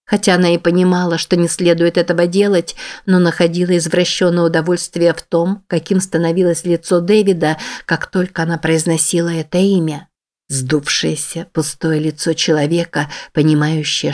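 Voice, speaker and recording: A woman narrating an audiobook in a steady, measured reading voice. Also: on the low side. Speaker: audiobook reader. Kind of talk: scripted narration.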